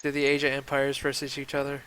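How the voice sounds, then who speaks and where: A man's voice: medium pitch, monotone, quick pace, fairly bright tone, clean tone, rough recording. A young man hosting a casual gaming talk stream, chatting loosely with lots of fillers and restarts. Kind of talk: casual live-stream chat.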